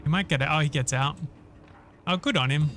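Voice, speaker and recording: Slightly high-pitched man chatting on a livestream. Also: a little fast, a bit bright, slight background noise. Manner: conversational, thinking aloud while addressing viewers. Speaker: live streamer and host. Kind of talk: casual gaming livestream chat and commentary.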